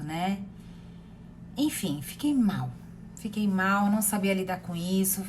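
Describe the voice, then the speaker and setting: A woman in her thirties with a Brazilian accent, a therapist telling a personal story in a rambling, animated way with many fillers and repeated words. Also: mid-range voice, slight background noise. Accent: Brazilian Portuguese. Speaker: therapist sharing personal experience.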